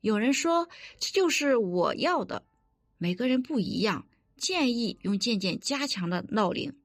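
Lively woman preaching a sermon. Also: on the high side, measured pace, dry recording, studio quality. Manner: earnest, instructive, quotes scripture.

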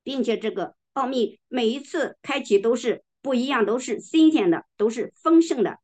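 A woman preaching a sermon, reading scripture slowly and with emphasis, now and then clearing her throat. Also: on the high side, expressive, darkish tone.

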